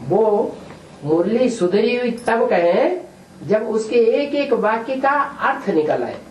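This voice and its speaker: A man's voice: very high voice, animated, takes it slowly. A man giving a question-and-answer spiritual discourse, explaining with examples and asking the listeners rhetorical questions. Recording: roomy room from a distant mic, faint noise.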